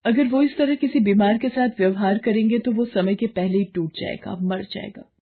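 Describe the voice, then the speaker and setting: A devoted, fierce young wife, as a woman narrator puts her on, speaking with raised passion in a husky voice. The storybook audio is thin and muffled like a phone line. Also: medium pitch, normal speed, pitched above the performer's own voice, lightly acted. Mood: impassioned. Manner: passionate, impassioned.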